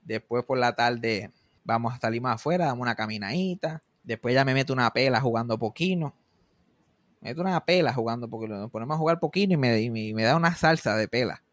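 A man's voice: mid-range voice, fast talker, dry recording, studio quality. A young man telling a funny family story in casual chat, swearing freely and slipping English phrases in.

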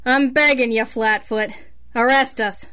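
A woman's voice: on the high side, fairly even intonation, unhurried, sharp tone, clean tone, faint music behind. An actress playing a sassy, pushy female private detective, teasing and insistent, in old-time radio drama style. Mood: pleading, insistent.

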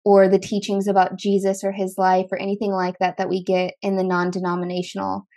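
This woman hosts a podcast and keeps things loose and chatty, leaning heavily on fillers and "like." She speaks fairly quickly in a monotone at medium pitch, and her tone is warm.

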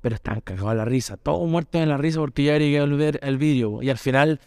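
A Chilean man recalls a story in relaxed slang, circling back and restarting as he goes. His voice is clear and resonant, recorded close in a dry space. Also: on the high side, quick pace, no room sound. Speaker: podcast co-host. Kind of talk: casual storytelling chat.

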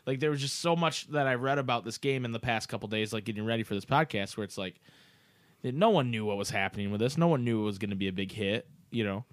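A man's voice: mid-range voice, fast talker, dry recording. A man hosting a video game podcast, chatting casually and rambling with lots of fillers. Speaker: podcast host. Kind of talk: casual chat.

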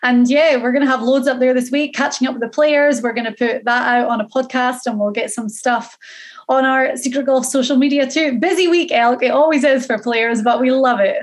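Higher-voiced woman hosting a sports show. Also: a little fast. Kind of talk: casual sports show presenting.

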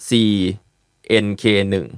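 A man hosting a casual podcast chat, explaining product details in a relaxed way with many fillers. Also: a little slow, no echo, studio quality. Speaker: podcast host presenting eyewear.

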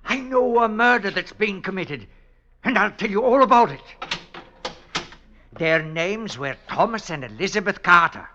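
A sly cackling prisoner. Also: male voice, medium pitch, very animated, a little slow, sharp tone, highs cut off, a little hiss or hum, heavily acted. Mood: earnest. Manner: sly, with whispered asides and cackles. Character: sly male prisoner, cunning and gleeful. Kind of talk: 1950s radio drama acting.

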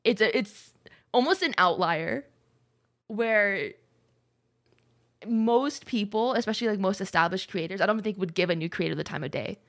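A woman's voice: mid-range voice, expressive, normal speed, pauses often, fairly bright tone. A woman co-hosting a casual podcast chat about streaming, chatty and filling her talk with "like". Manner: chatty, heavy use of "like", laughs often. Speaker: streamer co-host.

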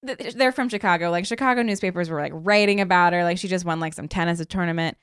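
Female podcast host, casual and chatty, vocal fry, slightly low pitch, dry recording. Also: quick pace, no echo. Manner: informal, filler-heavy with many 'like's. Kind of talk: casual chat.

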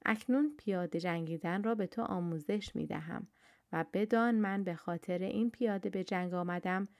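A woman voicing a mighty, mocking male hero warrior in a told story, in a low, even storybook voice. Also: vocal fry, no echo, clean studio sound.

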